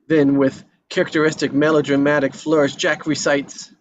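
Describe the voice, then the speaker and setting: Narrating stage directions during a table read, a man with a slightly high voice delivers the screenplay's action lines flatly at a moderate pace, sometimes tripping over words and repeating them. The recording is dull and lo-fi, with noise behind him.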